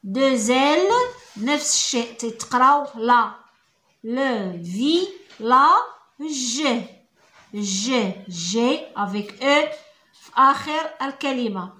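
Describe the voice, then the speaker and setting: A woman teacher with a Moroccan accent, over-enunciating as she sounds out syllables slowly and deliberately in a reading lesson. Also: a little high, a bit bright. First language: Moroccan Arabic. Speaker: teacher, channel host. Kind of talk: French reading lesson, explaining step by step. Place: indoors at a table, off camera. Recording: echoey room.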